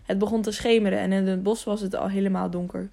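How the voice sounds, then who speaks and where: A woman's voice: mid-range voice, little pitch movement, fast, vocal fry, warm tone. A woman narrating an adventure novel as an audiobook, reading steadily and now and then correcting herself.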